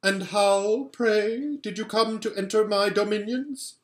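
A man's voice: sits high, unhurried, pitched above the performer's own voice. A man voicing a haughty, menacing evil queen in a storybook reading, with a commanding, pompous manner. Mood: scornful, impatient. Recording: roomy indoor home recording.

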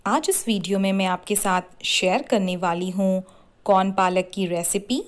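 A woman hosting a cooking channel, giving clear step-by-step recipe instructions in a scripted voice-over. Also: mid-range voice, steady tone, normal speed. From India.

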